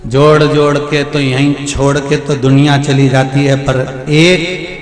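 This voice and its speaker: A man's voice: mid-range voice, steady tone, slow pace. A male preacher with a central Indian Hindi accent, giving a storytelling devotional sermon that pleads with and jokes to a crowd. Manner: storytelling, pleading, mixes jokes and rhetorical repetition. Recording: echoey hall with music.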